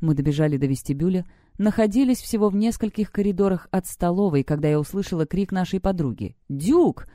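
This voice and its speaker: A woman narrating a story in a steady, even reading voice. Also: fairly low pitch, fast, no room sound, studio quality. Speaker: audiobook reader.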